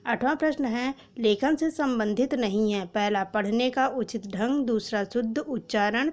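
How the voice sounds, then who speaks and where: Fairly high-voiced woman teacher. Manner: measured, numbering each option, then announcing the answer. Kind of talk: exam prep lesson, reading out quiz questions and answers.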